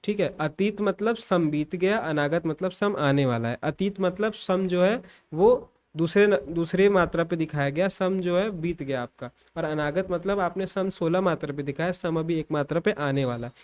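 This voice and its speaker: A man's voice: fairly high pitch, moderate pace, few pauses, a little mellow. A young man giving a music exam-prep lecture, explaining step by step and often checking in and repeating points. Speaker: music teacher.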